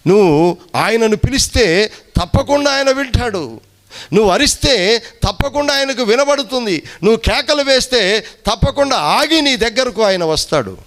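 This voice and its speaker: A male pastor preaching emphatically, repeating phrases and swinging his voice between high rises and low drops. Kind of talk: sermon.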